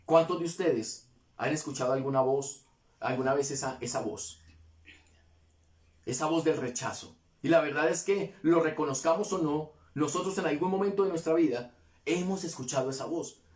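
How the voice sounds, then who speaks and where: A man's voice: a little high, moderate pace, a little mellow, echoey room. A man preaching a devotional sermon as pastor, asking rhetorical questions and repeating his points for emphasis.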